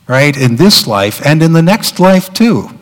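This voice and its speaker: Male pastor, conversational sermon delivery, slightly high voice, echoing church hall. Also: big pitch swings, unhurried. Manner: conversational, with filler words and restarts.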